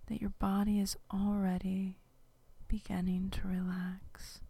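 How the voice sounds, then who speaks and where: A woman speaks entirely in a soft, unvoiced whisper, leading a guided relaxation with calm, drawn-out instructions. Her delivery is very slow, with a dark, mellow tone and a breathy, husky grain. She is recorded close to the mic in a dry space with no room sound. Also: medium pitch, no room sound.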